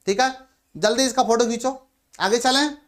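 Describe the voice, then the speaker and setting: A man's voice: very high-pitched, moderate pace, fairly bright tone. A male physics teacher giving a lecture, who asks questions, answers them himself and repeats the key terms. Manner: repeats key terms and says "ठीक है" often. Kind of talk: blackboard lecture in Hindi.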